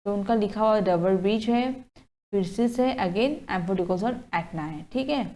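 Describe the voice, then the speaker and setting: A woman's voice: medium pitch, mellow. A woman with an Indian accent teaching an exam-prep literature class, mixing Hindi and English and often checking in with her students. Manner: explains slowly, keeps checking in with "ठीक है?". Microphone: lapel mic.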